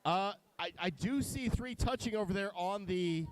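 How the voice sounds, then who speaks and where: At a live robotics competition, a man with a strikingly high voice commentates on the match, explaining the rules and wiring in a technical, explanatory manner. He frequently stops on filler words mid-sentence. His tone is clear and resonant, and the recording is dry.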